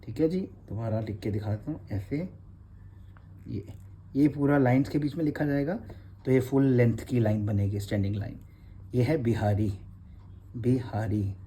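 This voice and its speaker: A man's voice: medium pitch, normal speed, pauses often, warm tone, slight background noise. A man, teaching Gurmukhi letters in a revision class and patiently repeating each sound.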